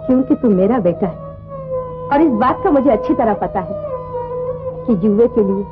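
A woman's voice: a little high, expressive, moderate pace, music in the background, lightly acted. Devoted mother, played by an actress; tender but firm, tinny vintage track with score. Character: loving middle-aged mother, fond and firm. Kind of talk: 1950s film acting. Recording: tinny old film soundtrack with score.

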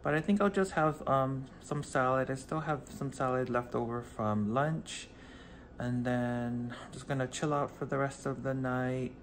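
A chatty man vlogs casually into his phone, rambling in a friendly, upbeat way as he drives around and later relaxes at home. His voice sits at a middle pitch. A faint hiss stays behind him. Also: unhurried. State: out of breath. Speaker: vlogger, flight attendant. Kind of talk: casual vlog chat. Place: in a car, then at home.

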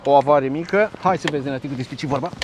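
A man giving chatty, sarcastic commentary straight to his viewers while standing beside a busy road. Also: a little high. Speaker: local vlogger. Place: roadside by a busy road, outdoors. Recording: faint outdoor traffic noise. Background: passing traffic and trucks.

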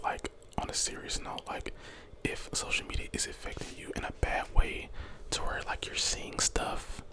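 An American man in his twenties giving a casual, slangy, encouraging pep talk in an ASMR whisper close to the microphone. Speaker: ASMR content creator. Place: small bedroom, indoors. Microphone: close handheld desk condenser microphone.

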